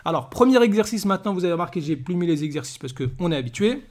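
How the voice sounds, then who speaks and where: An Arabic teacher gives a calm pronunciation lesson, patiently voicing each letter slowly and repeating its sound. His voice sits a little high, and he often asks "d'accord?" to check that the listener is following.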